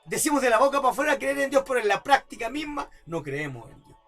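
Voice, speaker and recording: Pastor man preaching in church, really high voice, keeps asking the crowd questions, faint music behind. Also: big pitch swings, fast talker, fairly bright tone. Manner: preaching with repeated rhetorical tag questions, building to emphatic outbursts. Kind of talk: sermon. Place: church service.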